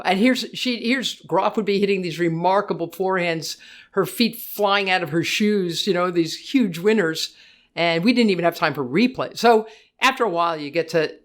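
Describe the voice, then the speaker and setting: An older woman with a deep voice, a tennis broadcaster, is a guest in a casual interview. She talks fast in bursts, often restarts her sentences and laughs easily.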